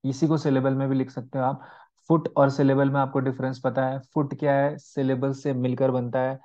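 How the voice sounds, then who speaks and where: A man's voice: medium pitch, level tone, moderate pace, mellow. A man with an Indian accent teaching an online exam-prep class, mixing Hindi and English and asking and answering his own questions. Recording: slightly dull lo-fi audio.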